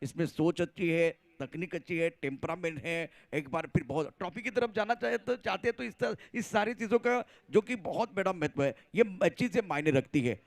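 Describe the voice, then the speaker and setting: Higher-voiced man giving emphatic cricket analysis. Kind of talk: cricket commentary, analysing play.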